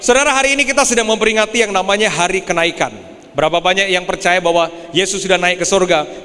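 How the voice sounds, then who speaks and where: A young man preaching a sermon as pastor, animated, swinging from quiet asides to shouted high points. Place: church hall. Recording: long hall reverb.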